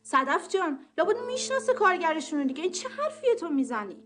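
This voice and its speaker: A blunt, weary woman guest in a film drama, with a very high voice. She speaks flatly and to the point. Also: soft background music, exaggerated voice. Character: weary woman guest, sharp-tongued, guarding a secret.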